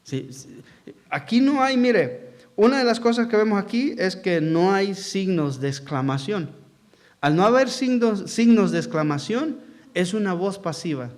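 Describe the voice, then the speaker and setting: A man's voice: high voice, lively intonation, unhurried, a little mellow. A man preaching as pastor in a church hall, asking the congregation questions and acting out quotes in a sermon.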